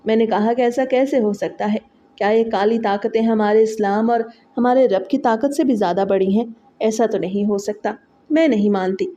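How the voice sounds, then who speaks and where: A woman's voice: a little high, fairly even intonation, warm tone. A woman narrating a dramatic first-person story in an earnest, emotional way.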